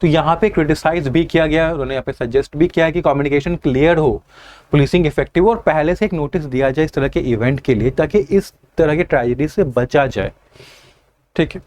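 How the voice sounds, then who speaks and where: A man, teaching an online exam-prep lesson. He reads English lines slowly, then explains them in Hindi with frequent "theek hai" fillers. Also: a little high, darkish tone.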